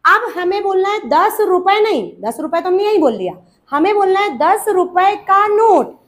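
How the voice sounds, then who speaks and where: A woman teaching an English grammar lesson, patiently repeating points and quizzing her students, whom she calls child. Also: extremely high pitch.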